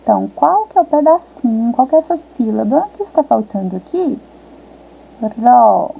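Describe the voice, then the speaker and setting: A woman primary school teacher, patiently walking young children through a worksheet and sounding out syllables slowly. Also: fairly high pitch, big pitch swings, creaky, breathy edge. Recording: tinny phone-quality audio.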